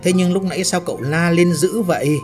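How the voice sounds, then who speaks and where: A man's voice: high voice, brisk, darkish tone, soft background music, pitched above the performer's own voice, lightly acted. Man voicing a superstitious young man, earnest, explaining, storybook reading.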